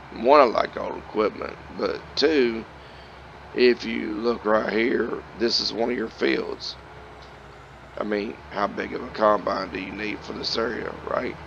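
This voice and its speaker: Guy, kentucky, gravelly just-woke-up voice, laid back game commentary. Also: on the low side, slow pace, lo-fi sound, a little hiss or hum. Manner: relaxed, rambling, folksy. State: raspy, just woken up. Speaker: gaming channel host. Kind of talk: casual gameplay commentary.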